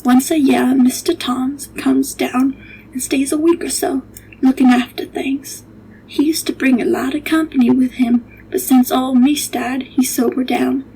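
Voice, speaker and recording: A gentle old nursemaid telling a hushed ghost tale at bedtime, as a woman plays her. The voice is high and soft, and it keeps dropping into a breathy whisper. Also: steady tone, a little slow, a little hiss or hum, poor audio. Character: older woman servant, gentle storyteller nurse.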